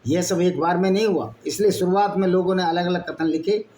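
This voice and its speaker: In an echoey room with faint background noise, a man reads passages and drops in blunt, argumentative remarks as a channel host. He speaks fairly quickly in a high-pitched, slightly mellow voice with fairly even intonation.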